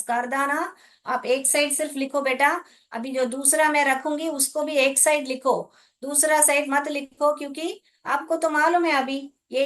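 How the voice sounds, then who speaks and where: Casting: young Indian woman teacher, high voice, patient and unhurried with her pupils. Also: fairly bright tone. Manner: patient, explains slowly, mixes Hindi and English, calls pupils "beta". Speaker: English teacher. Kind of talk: live online class explanation.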